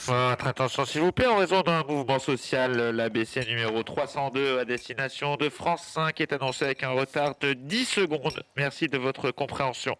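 A man putting on the voice of a formal male public-address announcer, heard as a distant station loudspeaker announcement. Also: medium pitch, moderate pace, hardly any pauses, background noise, voice pushed down. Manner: flat, formal announcer delivery.

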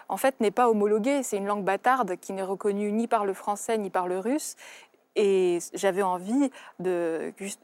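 A woman's voice: mid-range voice, dark tone. Hesitant woman author from the former Soviet Union. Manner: hesitant, many fillers, thoughtful. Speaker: author guest. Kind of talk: TV talk show conversation. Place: TV studio.

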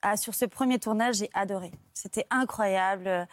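A woman's voice: medium pitch, normal speed, dry recording, clean studio sound. A woman from France, an actress and stand-in, telling her stories as a talk show guest with many fillers. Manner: lively storytelling with many fillers.

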